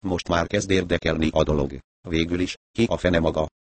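Guy reading a cocky cynical adventurer in an audiobook, low voice, dry sound, brushing everything off. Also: fairly even intonation, no echo. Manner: dismissive, sarcastic. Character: brash cynical male adventurer, shrugging off blame.

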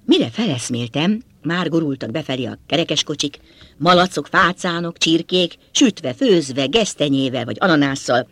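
A man narrating a first-person novel with an expressive, dramatic reading, close to the mic. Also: a little high, vocal fry, slightly rough, no room sound. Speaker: audiobook narrator.

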